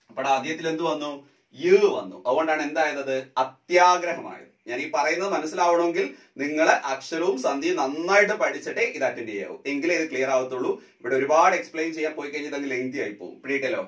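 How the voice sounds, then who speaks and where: A male teacher giving an exam prep lesson, drawing out each word part slowly as he drills the rules. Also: fairly high pitch, fairly bright tone, echoey room, far from the mic. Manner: slow, drawn-out drilling of word parts.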